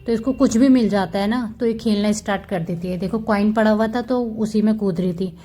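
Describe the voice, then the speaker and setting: A woman's voice: medium pitch, brisk, mellow. A woman giving a casual, chatty voice-over about her pet cats, fond and explaining as she goes. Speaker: cat vlogger.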